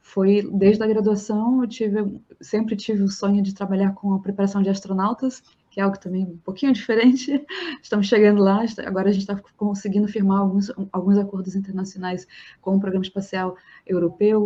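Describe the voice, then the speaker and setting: A woman from Rio de Janeiro with a Carioca accent, explaining her research career as an interview guest in a measured way. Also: medium pitch, dark tone, highs cut off. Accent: Carioca Brazilian Portuguese. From Rio de Janeiro, Brazil. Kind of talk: interview conversation.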